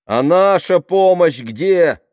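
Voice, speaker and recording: A man's voice: high voice, lively intonation, slow, dry recording, pitched above the performer's own voice. A man doing a furious, shrieking crowd. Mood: outraged. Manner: shouting accusations. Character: angry, desperate crowd of displaced people.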